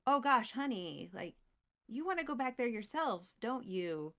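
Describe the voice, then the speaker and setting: A woman voicing a cool, guarded female necromancer with a flat, unbothered delivery, retelling a story in casual chat. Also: fairly high pitch, unhurried, heavily acted. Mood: tender.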